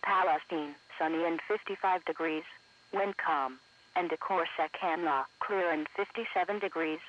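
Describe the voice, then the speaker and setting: A man with a voice on the high side reads scripted weather bulletins as a radio announcer, in a formal, segmented, automated manner at normal speed with fairly even intonation. The muffled, lo-fi weather radio broadcast was captured for an online stream.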